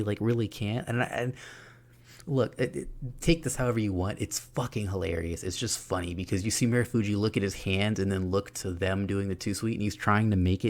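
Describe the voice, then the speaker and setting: A young man giving an excited, profane, laughing recap of a wrestling show. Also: lowish voice. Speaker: wrestling reviewer.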